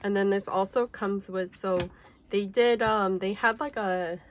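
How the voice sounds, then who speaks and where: A young K-pop collector vlogger chats casually while unboxing a collectibles haul, her speech full of "like" and "um." Because she's sick, her medium-pitched voice sounds a little off; she keeps a steady tone at a slightly slow pace, with slight background noise.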